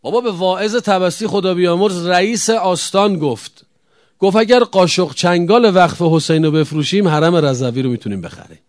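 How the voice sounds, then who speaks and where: A man preaching a religious sermon, emphatic, firing rhetorical questions and swinging between loud calls and hushed answers. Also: sits high, no echo, studio quality.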